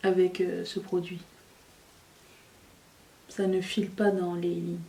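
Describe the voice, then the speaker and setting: A beauty vlogger chats casually with viewers while applying her makeup, joking at her own expense in this makeup tutorial. Her voice is low, dark, and level, taken slowly, and it sounds reverberant and far from the mic.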